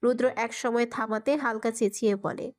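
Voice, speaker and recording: A woman with a fairly high voice reads a romance story aloud. She narrates in a steady, even manner. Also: moderate pace.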